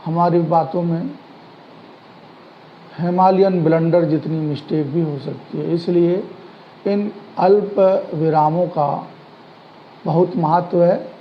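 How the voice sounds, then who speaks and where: A man teaching an online grammar lesson, speaking slowly and deliberately in a somewhat high voice. The recording is dull and lo-fi, with a faint ambience behind him. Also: creaky, a little hiss or hum. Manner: slow, deliberate explaining.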